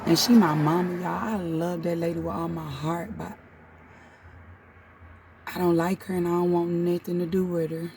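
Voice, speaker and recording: A woman's voice: lowish voice, little pitch movement, normal speed, long pauses, darkish tone, recorded from a distance, a little hiss or hum. A woman in her thirties telling her life story in a casual, heartfelt vlog, holding back tears and often calling her viewers "y'all". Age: 30s. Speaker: spiritual channel host. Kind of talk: personal confessional vlog.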